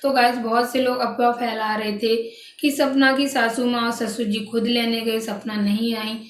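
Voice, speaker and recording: A woman's voice: on the high side, little pitch movement, moderate pace. A woman vlogger narrating family gossip in a casual, chatty way to her viewers, often saying "guys" and restarting her sentences. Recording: echoey room, distant mic, faint background noise.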